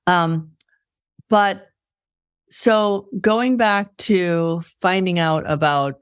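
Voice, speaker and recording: A woman's voice: fairly low pitch, drawn-out words, smooth, no room sound, studio quality. A woman hosting a casual interview while fighting a cold, rambling and correcting herself as she talks. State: has a cold. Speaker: podcast host.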